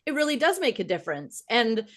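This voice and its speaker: A woman's voice: a little high, sing-song, fairly quick, fairly bright tone. A woman hosting a casual live-stream interview, encouraging and affirming her guest while thinking aloud. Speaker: host.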